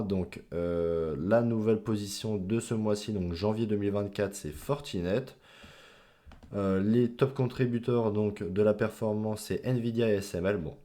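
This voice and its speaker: A man explains investment charts to his viewers in a loose, conversational tone, full of fillers and small jokes at his own expense. His voice sits a little low and sounds mellow and soft-edged. He comes across as an amateur host rather than a polished presenter. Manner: chatty, filler-heavy, self-mocking asides. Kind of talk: casual screen-share explainer.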